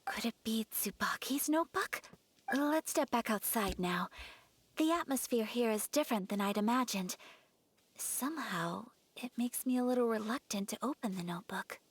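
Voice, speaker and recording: A woman voicing a graceful, polite young noblewoman in a video game, with a soft, breathy, formal way of speaking. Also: on the high side, expressive, normal speed. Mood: thoughtful. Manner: formal and courteous. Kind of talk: game voice acting.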